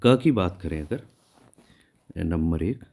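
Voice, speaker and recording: A man's voice: low-pitched, animated, slow, darkish tone. A man teaching shorthand step by step, patiently checking in with his students and counting out each stroke as he draws it. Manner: patient, repeats "ठीक है" to check understanding. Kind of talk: step-by-step tutorial explanation.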